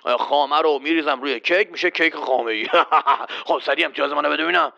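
Gravelly low cocky man, children's quiz skit, threatening, dull recording. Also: pushed and bright. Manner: bossy, teasing, threatens the host. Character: gruff boastful man, touchy and threatening. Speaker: quiz contestant.

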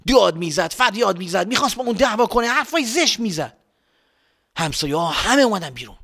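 A man telling a religious story to children, addressing them directly in an animated, emphatic way. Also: high-pitched.

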